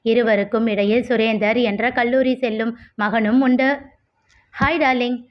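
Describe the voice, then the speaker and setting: A woman's voice: fairly high pitch, moderate pace. Woman narrating a story, lo-fi sound. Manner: lively, switches into playful voices for each character. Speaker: audiobook narrator. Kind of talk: storytelling narration with character voices. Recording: dull lo-fi recording.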